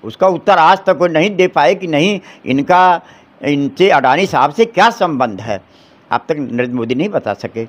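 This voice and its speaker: A middle-aged advocate gives forceful political opinions in an interview, firing off rhetorical questions and restarting his phrases. His voice sits on the high side and is animated, at a normal speed.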